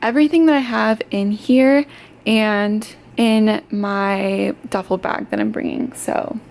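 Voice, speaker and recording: A woman's voice: mid-range voice, steady tone, takes it slowly, vocal fry, a little mellow, a little hiss or hum. A woman chatting casually and informally to her viewers as a vlogger. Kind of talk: casual vlog chat to viewers.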